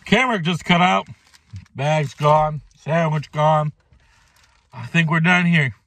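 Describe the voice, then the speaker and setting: A man's voice: fairly high pitch, slow pace, a bit bright. A man in his thirties chatting casually to camera while eating in a mukbang vlog, recorded inside a car. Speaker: food vlogger. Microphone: phone or camera at arm's length.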